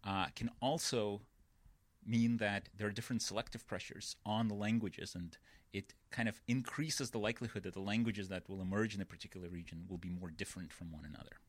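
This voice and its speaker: A male guest researcher on a podcast explains ideas patiently in an interview, often checking in with "right?" and "you know". His voice is on the low side and brisk, with fairly even intonation, and there's no echo.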